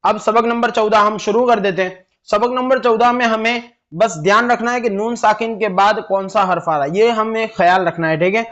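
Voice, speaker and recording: A man's voice: sits high, fairly even intonation, moderate pace, fairly bright tone, highs cut off. A man teaching Quran reading who drags out each syllable as he spells words. He asks questions and answers them himself. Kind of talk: step-by-step recitation lesson.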